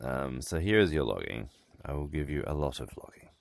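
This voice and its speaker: A man with a strikingly deep voice and gravelly fry talks through a technical problem on a work call. His humour is dry and teasing, and the sound is close and dry. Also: expressive, fairly quick, dry recording. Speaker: software developer on a work call. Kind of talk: casual technical chat.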